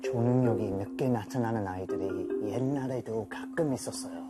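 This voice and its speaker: A man's voice: fairly low pitch, moderate pace, over loud music, lightly acted. Man playing a wise, reassuring older mentor. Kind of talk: children's drama acting.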